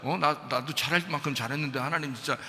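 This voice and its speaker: A man's voice: a little high, fast, sharp tone. A man voicing Job as a wronged man whining that he did nothing to deserve this, in a reverberant hall. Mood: aggrieved. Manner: whining, defensive. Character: aggrieved man Job protesting his innocence. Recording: long church hall reverb.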